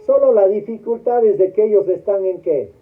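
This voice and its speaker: A man's voice: high voice, animated, moderate pace. A man giving a memorial homily as a priest, putting questions to the congregation and waiting for them to answer. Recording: tinny phone-like sound.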